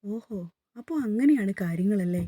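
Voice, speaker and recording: A woman's voice: mid-range voice, animated, normal speed, no echo, close to an everyday voice. A woman voicing a teasing young husband, playful and firm, in a story read aloud. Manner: teasing, gently mocking.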